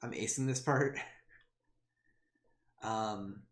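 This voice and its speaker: Low-voiced man reading a text adventure. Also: drawn-out words. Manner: hesitant, many ums and trailing thoughts; wry, self-mocking asides. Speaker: streamer. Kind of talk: let's-play commentary reading game text aloud.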